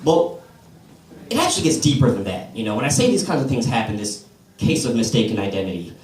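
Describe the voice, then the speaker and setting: A man with a medium-pitched, slightly mellow voice talks quickly and very animatedly, with a little background noise. He's an American stand-up comedian at an open mic on a comedy club stage, telling laid-back stories and playing to the live crowd. The sound is roomy and distant, with the audience laughing.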